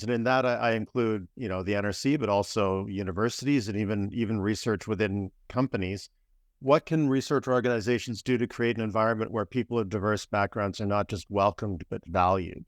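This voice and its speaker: A male podcast host asks a long, measured question. His voice sits rather low, and the sound is dry and close to the mic. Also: steady tone, no room sound. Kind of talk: podcast interview.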